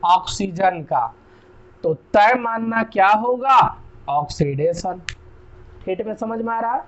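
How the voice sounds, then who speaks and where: A young Indian man with an Indian accent, giving a chatty chemistry lesson and often checking "clear?". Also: high-pitched, lively intonation, unhurried, dull audio. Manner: chatty, repeats key terms, asks "clear?". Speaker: chemistry teacher. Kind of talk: casual classroom lecture.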